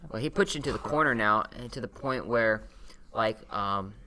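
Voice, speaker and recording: Bright-voiced young man hosting a chat. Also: on the low side, a little hiss or hum. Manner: animated, talks fast in bursts about fighting games. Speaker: podcast host. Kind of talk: casual chat.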